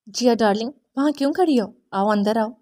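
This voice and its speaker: A woman's voice: fairly high pitch, warm tone, natural voice. A woman doing a smug, scheming young man. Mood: smug teasing.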